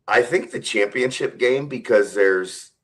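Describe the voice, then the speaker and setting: A man's voice: medium pitch, measured pace. A man who works as a stadium announcer, answering interview questions in a chatty way and laughing often. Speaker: stadium public address announcer, guest.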